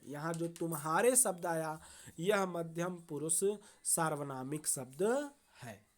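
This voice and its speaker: Slow, low-voiced woman teaching grammar. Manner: slow, deliberate, repeats and checks with "thik hai". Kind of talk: classroom grammar lesson.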